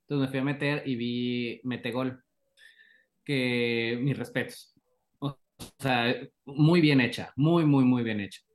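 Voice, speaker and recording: A man with a Mexican accent, a guest on a podcast, telling lively anecdotes and acting out the dialogue in them. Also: medium pitch, slow pace. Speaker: animator guest. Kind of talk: casual podcast interview.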